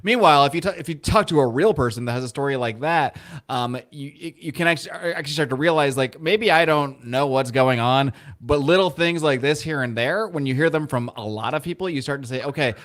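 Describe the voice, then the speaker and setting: A man's voice: fairly high pitch, brisk, a bit bright. A man hosting a podcast, chatting in a thoughtful and hesitant way and asking follow-up questions. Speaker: podcast host. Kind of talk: casual interview chat.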